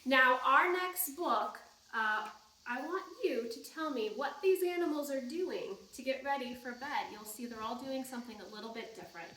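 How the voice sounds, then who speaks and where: A woman leads storytime for young children, reading aloud and chatting in a sing-song manner with simple prompts. Her high voice is animated, bright and pushed, at a normal speed, recorded from a distant microphone in an echoey room.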